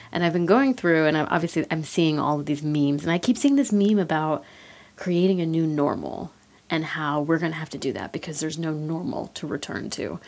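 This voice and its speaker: A woman with a slightly low voice leaves a friend a voicemail. She thinks out loud, circling her thoughts with plenty of "like" fillers. Her tone is loose and reflective, the way you ramble at a machine. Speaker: caller. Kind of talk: leaving a voicemail.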